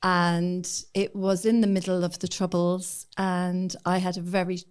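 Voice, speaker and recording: A woman's voice: lowish voice, little pitch movement, a little slow, darkish tone, smooth. A woman, a podcast guest telling her life story in an open, reflective way. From Ireland. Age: 50s. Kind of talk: casual chat.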